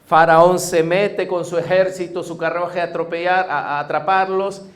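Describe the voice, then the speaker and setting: A man's voice: high voice, little pitch movement, moderate pace. A male pastor with a Peruvian Spanish accent, preaching a conversational sermon with frequent tag questions and repeated phrases.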